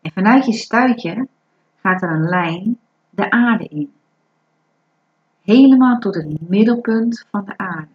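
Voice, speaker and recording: A woman guiding a breathing meditation in a calm, soothing, instructive way. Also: mid-range voice, slow, long pauses. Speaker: meditation guide. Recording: dull lo-fi recording.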